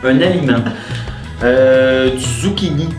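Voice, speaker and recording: A man reading a comic mad lib story aloud, laughing and shouting as he goes. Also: medium pitch, slow pace, roomy sound, music in the background. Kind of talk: casual comedic game reading.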